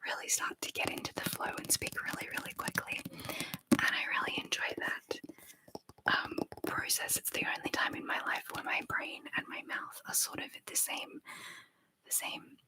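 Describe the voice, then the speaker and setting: A woman hosting a casual ASMR live chat in a breathy, mostly unvoiced whisper, softly repeating words and short phrases. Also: moderate pace, poor audio. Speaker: ASMR live stream host.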